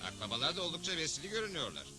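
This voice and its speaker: A man's voice: a little high, sing-song, rapid-fire, over loud music. A man playing a confident, easygoing cowboy hero in a cartoon dub, polite and self-assured. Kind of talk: dubbed cartoon acting.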